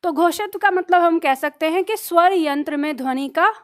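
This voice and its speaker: A woman teaching an online Hindi lesson, explaining step by step, putting questions to her students and answering them herself. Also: extremely high pitch. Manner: slows down and drags out letter sounds to demonstrate pronunciation. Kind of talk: online exam-prep lesson.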